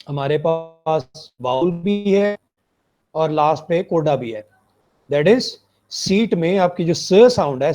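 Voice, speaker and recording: A man's voice: fairly high pitch, warm tone. A man giving a recorded phonetics lecture, explaining step by step, repeating points and checking that students follow. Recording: muffled lo-fi recording.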